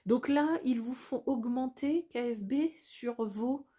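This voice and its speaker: Woman, knitting tutorial host, warm dark tone, slightly husky, chatty, self-correcting. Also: a little high, slow pace. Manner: chatty, thinks aloud, self-correcting, many fillers. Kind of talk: casual step-by-step knitting tutorial.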